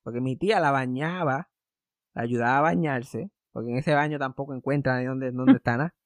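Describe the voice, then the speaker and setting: A man hosting a podcast, telling a story in a sarcastic, animated way and acting out the voices of the people he quotes. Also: mid-range voice, brisk, no room sound. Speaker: podcast host. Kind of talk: casual storytelling chat.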